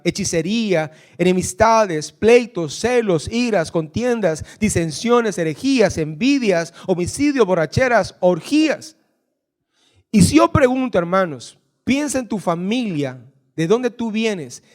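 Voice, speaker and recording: A man with a Guatemalan Spanish accent preaching a sermon as pastor in a church, reading scripture lists slowly and joking with the congregation. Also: sits high. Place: church hall.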